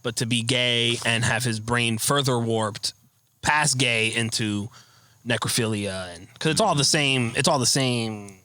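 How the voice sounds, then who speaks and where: A man's voice: mid-range voice, a little slow, sharp tone, no echo. A man co-hosting a casual podcast chat, lecturing at length with hesitant restarts. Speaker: podcast co-host.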